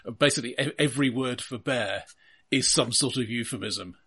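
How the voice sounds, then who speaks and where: A man's voice: medium pitch, fairly quick, sharp tone, breathy edge. A man taking part in a tabletop role-playing game, chatting casually in a wry, talkative way. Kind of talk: casual chat.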